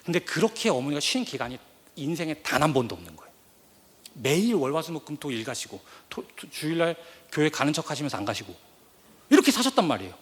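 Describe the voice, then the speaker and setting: A male youth pastor preaches at a quick clip, his fairly high voice leaping up and down as he tells his story with feeling. The long reverb of a large church sanctuary hangs behind every phrase. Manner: emotional, animated storytelling, rising to near-shouts. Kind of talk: sermon with personal testimony.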